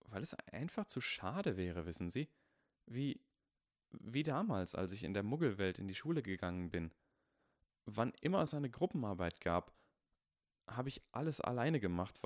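A man voicing a precocious, earnest young boy who reasons carefully and deliberately, as in an audiobook. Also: lowish voice, animated, dry recording, clean studio sound, close to an everyday voice. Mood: explaining. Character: precocious earnest eleven-year-old boy wizard.

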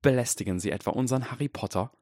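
A man's voice: mid-range voice, racing, darkish tone, no echo, voice pushed up, lightly acted. A tall, fearless older woman answers with icy, pointed scorn, her voice lifted well above the reader's own, as a man reading a storybook puts her on. The sound is dry and close. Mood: challenging.

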